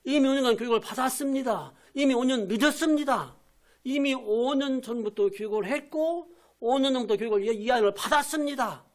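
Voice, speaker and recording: An older man, a pastor emeritus, preaching a Sunday sermon with emphatic repetition, rhetorical questions and shouted quotes. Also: very high-pitched, a little fast. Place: church sanctuary.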